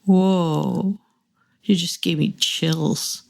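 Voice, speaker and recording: A woman co-hosting a podcast, reacting to a story with quick comments and questions. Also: fairly low pitch, fairly even intonation, creaky, darkish tone. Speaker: podcast co-host. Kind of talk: casual chat.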